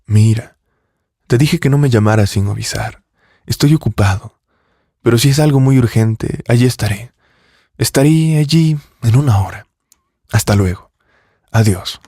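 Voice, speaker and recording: A man's voice: mid-range voice, moderate pace, pauses often, mellow, dry recording, clean studio sound, lightly acted. A man playing a rich, arrogant young businessman who speaks in a dismissive, controlling way. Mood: curt.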